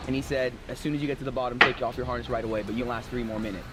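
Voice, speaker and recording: A man's voice: mid-range voice, steady tone, racing. A man talking casually to camera in a vlog, recounting his experience. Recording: clear outdoor background noise.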